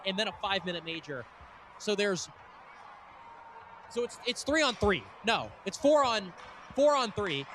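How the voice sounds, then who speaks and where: A man calling a live hockey game from an arena booth, excitable and laughing often as he thinks aloud. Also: high-pitched. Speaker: play-by-play commentator. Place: ice arena broadcast booth. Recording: noisy arena broadcast.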